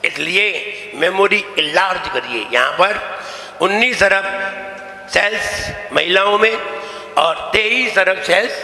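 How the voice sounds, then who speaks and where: High, bright-voiced monk preaching in an echoing hall. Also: male voice. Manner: repeats phrases, drills correct pronunciation, slow chanting. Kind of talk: sermon with chanted Sanskrit verses. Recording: reverberant hall.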